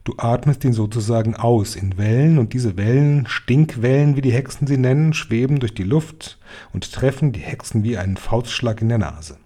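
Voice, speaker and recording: A man's voice: medium pitch, normal speed, warm tone, lightly acted. A man voicing a stern, knowing old grandmother who gives grave, matter-of-fact warnings in a storybook. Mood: explaining.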